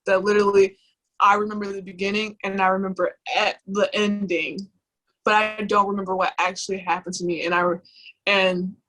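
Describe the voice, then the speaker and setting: Bright-voiced young woman talking candidly. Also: medium pitch, rough recording. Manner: halting, many fillers and restarts. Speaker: guest. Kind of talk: candid personal conversation.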